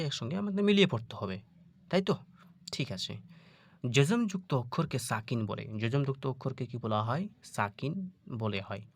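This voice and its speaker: A man teaching Quran reading in an online lesson. He explains slowly, puts questions to his students, and spells out the letters before reciting each word drawn out. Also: mid-range voice, fairly bright tone.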